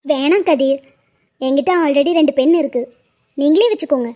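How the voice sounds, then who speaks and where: A woman's voice: high voice, moderate pace, natural voice. A woman voicing a polite young office worker in a cartoon, matter-of-fact in tone. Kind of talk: cartoon voice acting. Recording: dull lo-fi audio.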